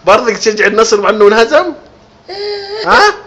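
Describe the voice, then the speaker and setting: Soothing woman, swooping pitch. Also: sing-song, quick pace. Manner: soothing, repeats reassurances, gently teasing. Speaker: parent comforting a crying child. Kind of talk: home video. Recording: noisy home video recording.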